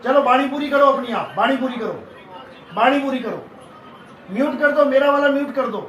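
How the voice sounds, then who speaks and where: A man with a sore throat, speaking loudly and insistently in a live online religious debate. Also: very high-pitched, normal speed, echoey room, recorded from a distance, lo-fi sound, slight background noise. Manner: loud, insistent questioning. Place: room with a loudspeaker.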